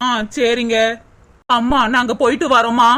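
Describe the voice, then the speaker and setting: A woman voicing a gentle, emotional young village wife in a cartoon, speaking softly and consolingly. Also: fairly high pitch, fairly even intonation, measured pace. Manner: soft, pleading and consoling. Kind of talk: cartoon voice acting.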